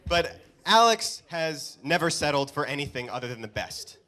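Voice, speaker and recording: A man's voice: a little high, very animated, moderate pace, bright, forceful tone, slight background noise. A young adult man giving a joking wedding toast as best man, with wry asides. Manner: joking, wry asides, chuckles between lines. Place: live speech at a wedding reception.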